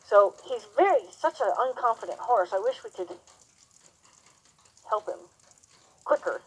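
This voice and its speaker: A woman teaching horsemanship, talking softly and soothingly to a horse while coaching a student. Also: a little high, expressive, measured pace, breathy edge, low-quality recording. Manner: soothing and gentle. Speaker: horsemanship instructor. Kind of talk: hands-on coaching lesson.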